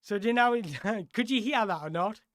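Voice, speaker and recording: A football host on a live stream, talking things through in a loose, chatty way and often backing up to rephrase mid-sentence. The voice sits at an ordinary middle pitch. The sound is close and dry, with no room echo. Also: normal speed, fairly bright tone. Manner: rambling, self-correcting, chatty. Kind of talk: casual live-stream chat answering viewer questions.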